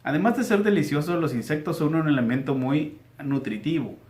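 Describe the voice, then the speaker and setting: A man's voice: on the high side, lively intonation, a little fast, darkish tone. A male teacher, reading aloud to young pupils in a patient, guiding way. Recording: echoey room.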